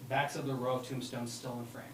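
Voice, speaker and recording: At a live table read, a man narrates the stage directions of a script, stumbling over lines now and then and breaking into laughter. His medium-pitched voice is slightly bright and flat in delivery, and he speaks a little fast. The mic is distant in a roomy space, with music behind him and a little hiss or hum.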